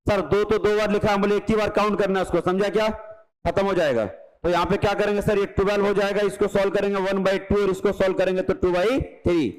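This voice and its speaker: With a high, steady voice, a male teacher delivers a brisk, coaxing math lecture for exam prep. He often plays out his students' questions and responds to them, though the audio quality is poor.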